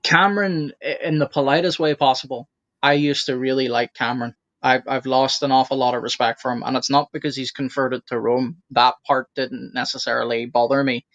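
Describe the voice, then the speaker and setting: A man co-hosting a casual discussion, giving his honest opinion frankly and deliberately over a remote call. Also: medium pitch, steady tone, a bit bright, no echo. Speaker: podcast co-host. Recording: dry, dull lo-fi call audio.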